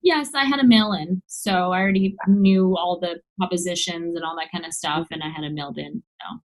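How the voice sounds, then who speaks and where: This low-quality recording captures a woman with a lowish voice speaking fairly quickly. She's an American-accented travel blogger from Los Angeles, in her mid-thirties, and she opens up at length as a guest in a relaxed interview.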